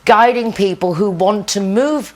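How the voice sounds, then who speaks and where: A woman's voice: medium pitch, unhurried. A woman hosting a television program in a studio, interviewing a guest in a chatty way and laughing easily. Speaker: TV program host.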